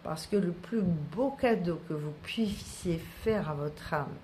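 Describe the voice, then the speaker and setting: A wellness practitioner from French Guiana speaks in a deep, low voice. She talks casually to her viewers, full of hesitations and repeated words. A faint hiss sits under the recording. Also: slow, warm tone. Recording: faint background noise.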